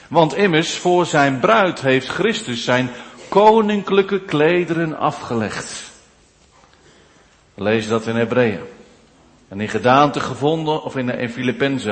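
A man preaching a sermon in a church, rising from hushed, low passages to loud, drawn-out declaiming. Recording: long church reverb.

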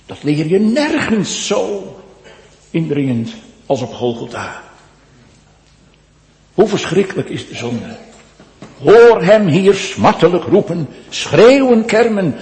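A male pastor preaching a sermon, slow and solemn, his voice swelling loud and then dropping to a hush. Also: mid-range voice. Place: church. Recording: echoey church with long reverb.

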